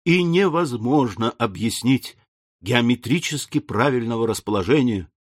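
A male audiobook narrator voicing a calm, learned middle-aged man who explains things in a measured, lecturing way. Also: mid-range voice, slightly rough, dry recording, clean studio sound. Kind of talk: audiobook character reading.

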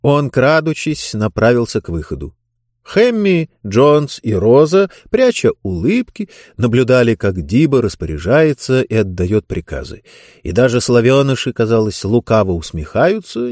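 Guy reading a fantasy audiobook, super lively up-and-down delivery, dry close sound. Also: medium pitch, moderate pace, no echo. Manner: expressive, with lively dramatic intonation. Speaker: audiobook narrator. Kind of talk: scripted narration of a fantasy story.

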